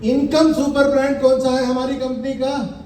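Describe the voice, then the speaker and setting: Man, high voice, mellow tone, seminar presenter, emphatic, rhetorical questions, echoey hall, distant mic. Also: little pitch movement, slight background noise. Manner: repeats slogans slowly for effect. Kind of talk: motivational business presentation.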